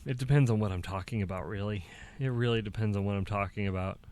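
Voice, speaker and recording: A young man talking casually to the camera, halting and restarting, with small laughs between thoughts. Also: lowish voice, a little mellow, smooth. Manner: acts out quoted dialogue in a raised voice. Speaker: vlogger.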